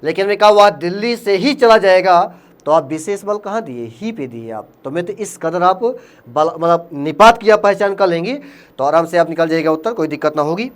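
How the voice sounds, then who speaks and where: Man, high voice, Hindi accent, exam-prep grammar lesson, quizzing and answering himself. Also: lively intonation, fairly quick. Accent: Hindi, Uttar Pradesh. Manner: explains by asking quiz questions, then answers them himself, calls listeners friend.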